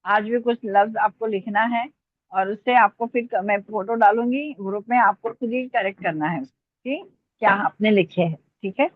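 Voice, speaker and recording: Woman teacher dictating slowly over a tinny line. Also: medium pitch, no room sound. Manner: slow, deliberate dictation, spelling out letters. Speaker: Urdu teacher. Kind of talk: online language lesson dictation. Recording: tinny phone-like line, dry.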